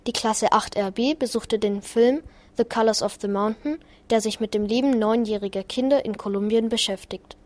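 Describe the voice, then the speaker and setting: A woman reading a scripted school radio report clearly. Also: on the high side, normal speed, a little mellow.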